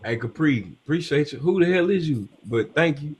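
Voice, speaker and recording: A man's voice: a little high, lively intonation, normal speed, a little hiss or hum. A man hosting a casual group chat over a video call, slangy and playful, laughing often as he pushes back. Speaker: live stream host.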